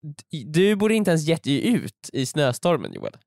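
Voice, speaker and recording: A young man and podcast co-host, talking in a calm, matter-of-fact way in casual chat. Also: a little high, vocal fry, dry recording, clean studio sound.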